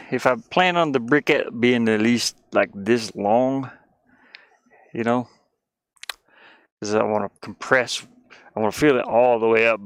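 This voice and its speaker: Working with his hands on a DIY build during a live stream, a man talks casually and thinks aloud, muttering and drifting from step to step for his viewers. His voice is medium in pitch with a clean tone and no echo.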